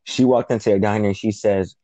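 A man hosting a casual TV recap, telling the story with lively energy and acting out quoted lines. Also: fairly low pitch, fairly quick, no room sound. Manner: animated, acts out quotes, swears casually. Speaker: podcast co-host.

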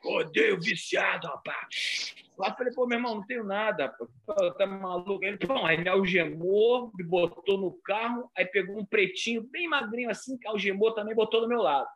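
A comedian from Rio de Janeiro with a carioca accent, telling stories in a casual chat and acting out voices. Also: male voice, high voice, a little fast. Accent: Rio de Janeiro Portuguese. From Rio de Janeiro, Brazil. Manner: animated, acts out voices in his stories. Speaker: comedian guest. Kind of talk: casual storytelling.

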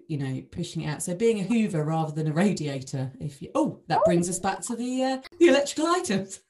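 Lively-pitched woman hosting a casual chat. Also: fairly quick. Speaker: host. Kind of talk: casual conversational interviewing.

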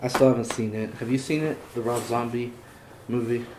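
A man's voice: medium pitch, little pitch movement, a little fast. Host, male, casual talker, laughs a lot, garage recording with light hiss. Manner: chatty, laughs often, leans on filler "like". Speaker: podcast host. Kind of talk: casual chat about movies. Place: home garage. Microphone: handheld audio recorder.

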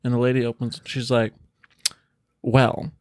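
A man's voice: mid-range voice, brisk, dry recording, studio quality. A man co-hosting a casual podcast, telling loose, profane stories over beers and acting out what people said. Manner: loose storytelling, swears, acts out quoted voices. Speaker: podcast co-host.

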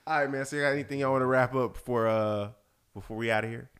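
A man with a gravelly voice and heavy vocal fry, hosting a casual podcast chat. He talks in a laid-back, mumbling way and trails off often. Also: mid-range voice, steady tone, quick pace, fairly bright tone. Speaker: podcast host.

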